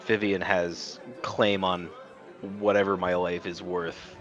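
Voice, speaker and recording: A man with a very deep, slow voice, speaking haltingly with frequent restarts as he plays his character. The sound is a bit dull, with faint music behind. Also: flat delivery, a bit bright, a faint crowd. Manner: hesitant, halting. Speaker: player. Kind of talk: tabletop role-play.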